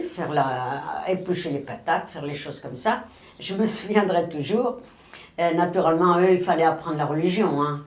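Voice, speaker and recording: A woman's voice: lowish voice, darkish tone. A woman in her nineties from Spain, recalling her past in an interview, rambling with many restarts and self-corrections. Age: 90s. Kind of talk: oral history recollection. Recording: roomy, echoey room.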